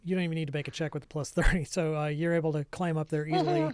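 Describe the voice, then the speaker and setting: A man narrating a tabletop game as game master, describing scenes in a relaxed, thinking-aloud way. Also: a little high, very fast, dry recording, studio quality.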